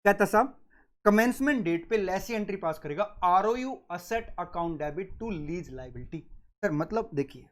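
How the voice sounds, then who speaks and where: A man's voice: high voice, animated, measured pace. Man teaching an accounting class. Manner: asks students questions and answers them himself; calls listeners "beta" and "sahab" fondly. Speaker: accounting exam tutor. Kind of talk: classroom lecture.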